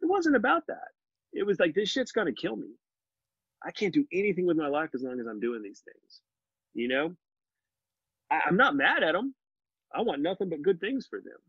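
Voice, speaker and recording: Huge swings in pitch mark this man's slightly high, breathy voice as he talks at a normal speed, pausing often. He's in his forties, a podcast guest on a video call from a living room with bookshelves, and his earnest, animated conversation comes through a laptop mic as muffled, dry audio with no room sound.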